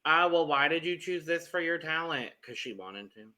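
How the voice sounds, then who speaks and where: A man's voice: fairly high pitch, expressive, normal speed, sharp tone. A man co-hosting a podcast, reviewing an episode in casual chat, opinionated and moving the discussion along. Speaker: podcast co-host.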